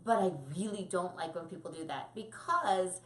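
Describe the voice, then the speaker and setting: A woman dog trainer giving casual tips to camera, lively and acting out quick voices for the puppy and the owner. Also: on the low side, reverberant.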